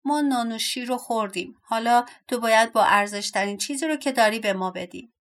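A woman doing greedy shrill little dwarfs. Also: a bit bright. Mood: demanding. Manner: shrill, clamoring, repeating demands.

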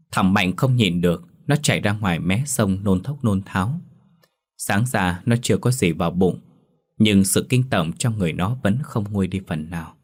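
A man narrating a ghost story in a steady, grave storytelling manner. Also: low-pitched.

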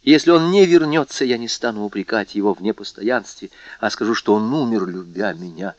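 A man reading a proud, faithful young fisher girl, speaking softly and gravely. The recording is dry and dull. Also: lowish voice, fairly quick, no echo, lightly acted. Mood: grave, sorrowful.

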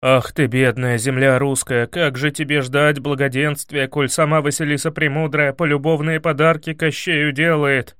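A man voicing a brash, foolish young hero in an audiobook, prone to loud, excitable outbursts. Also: a little high, normal speed, few pauses, smooth, no room sound, studio quality, close to an everyday voice. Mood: indignant. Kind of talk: audiobook character voice.

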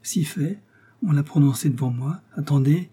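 A frightened young woman pleads in a raised, breathless voice, as a male reader acts her out. The tone is pitched above his usual and kept dark and husky. She sounds weak and anguished. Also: normal speed. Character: young frightened loving woman, faint and dying.

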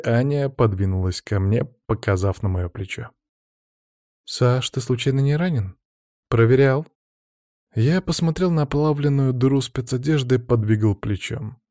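A man reading a first-person audiobook narration in an even, measured way. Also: medium pitch, no echo, clean studio sound.

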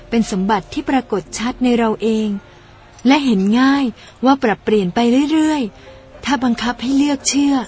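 A woman voicing a calm, thoughtful adult woman doctor in an audio drama. She speaks in a measured, gentle, reasoning way, like a caring older sister. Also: on the high side, natural voice. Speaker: doctor character.

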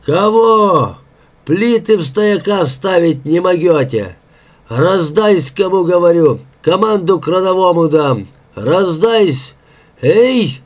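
A man voicing a drunken, boastful old welder with a hoarse, growling voice torn from deep inside. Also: expressive, slow. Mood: bossy. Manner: rustic boasting, shouting. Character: old male welder, drunken, blustering, toothless. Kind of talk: audiobook character voice.

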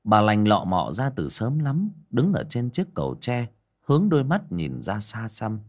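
A man's voice: fairly low pitch, very animated, measured pace, darkish tone. A man narrating a village horror story in a dramatic, ominous way.

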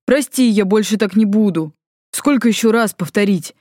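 A woman's voice: mid-range voice, normal speed, dark tone, no echo, voice pushed up, lightly acted. A woman voicing Valifor, a red-haired male demon with a dry, teasing manner. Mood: wry.

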